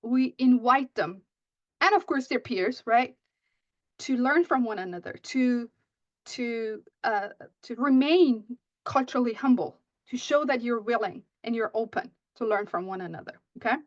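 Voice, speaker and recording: At a measured pace and in a slightly high voice, a woman whose first language is Persian presents at a conference on writing instruction, which she teaches. Frequent "right?" checks and many restarts mark her speech, and the audio is muffled and dry without echo.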